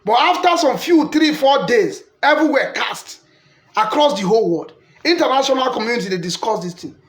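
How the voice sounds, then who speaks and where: A man's voice: very high-pitched, lively intonation, fairly quick, echoey room. A man with a Nigerian accent delivering an impassioned political monologue in Pidgin, quoting scripture and repeating himself. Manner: preachy, quotes scripture, repetitive.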